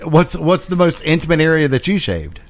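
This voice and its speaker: A man's voice: on the high side, very animated, a little fast, a crowd in the background. A man hosting a casual podcast chat, teasing his friends, laughing often and repeating himself. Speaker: podcast host.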